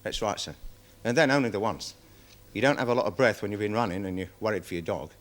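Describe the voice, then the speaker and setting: An actor playing a nervous, deferential security guard testifying in a 1970s television courtroom drama, rambling with many fillers. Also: male voice, fairly low pitch, fast, natural voice. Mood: worried, defensive. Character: nervous security guard witness, dog handler. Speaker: witness in court.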